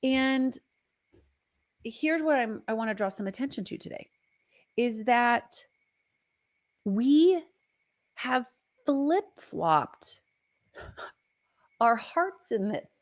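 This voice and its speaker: Brief: middle-aged woman, podcast host and minister, conversational faith teaching, lively and playful. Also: fairly high pitch, drawn-out words, long pauses. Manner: chatty and animated, with playful acted asides.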